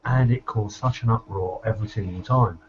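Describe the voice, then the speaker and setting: A man's voice: fairly low pitch, fairly quick, a little mellow, slight background noise. A man telling a story bluntly in everyday slang during a casual group discussion. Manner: blunt, colloquial, swears. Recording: dull lo-fi recording.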